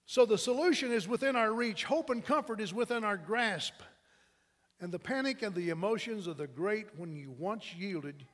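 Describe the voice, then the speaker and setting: High-voiced pastor in a reverberant hall. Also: male voice, lively intonation, moderate pace, a bit bright. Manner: conversational and anecdotal, with frequent restarts. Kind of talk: sermon. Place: church sanctuary.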